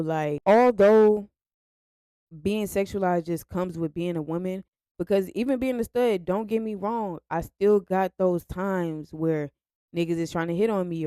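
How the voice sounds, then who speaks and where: A woman's voice: on the low side, mellow, clear, resonant tone, no room sound, clean studio sound. A young woman speaking candidly to her viewers in a confessional vlog, frank and direct. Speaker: vlogger. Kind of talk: candid personal vlog monologue.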